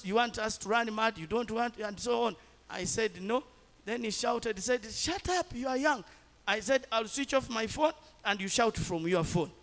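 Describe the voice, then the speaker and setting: A man preaching a sermon, telling a testimony and building to loud exhortation. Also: sits high. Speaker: pastor. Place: large chapel with long reverb. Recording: reverberant church hall.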